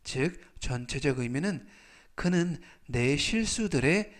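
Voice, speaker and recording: A man teaching English vocabulary, repeating each word and example sentence slowly and explaining its meaning step by step in a formal teaching tone. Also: on the high side, expressive. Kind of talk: slow, deliberate vocabulary lesson.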